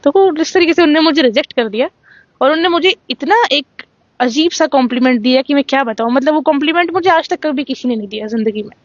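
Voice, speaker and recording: A young woman from Jammu, a singer being interviewed, telling her story in a lively way and acting out what the judges said. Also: sits high, quick pace, no echo, highs cut off. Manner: animated storytelling, acts out quoted judges. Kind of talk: casual interview.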